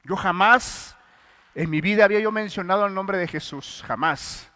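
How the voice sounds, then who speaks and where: A middle-aged man with a Mexican Spanish accent preaching a sermon, moving between loud pleading and hushed, intimate testimony. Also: high-pitched, moderate pace.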